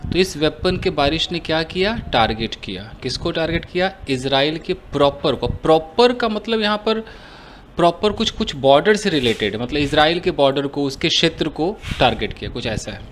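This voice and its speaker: A man's voice: on the high side, animated, a little hiss or hum. A man from India teaching English grammar in Hindi, explaining step by step, asking and answering his own questions. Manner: slows down to read English phrases aloud.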